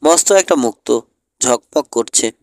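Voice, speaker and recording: A man narrating an audiobook in a steady storytelling manner. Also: medium pitch, unhurried, no room sound, studio quality. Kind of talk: scripted narration.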